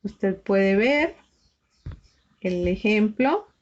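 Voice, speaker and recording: Slow patient lady teaching shorthand, going letter by letter, kinda dull lo-fi audio. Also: medium pitch, expressive, darkish tone. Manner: patient, spells out letters one by one. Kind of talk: slow step-by-step lesson. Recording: slightly dull lo-fi recording.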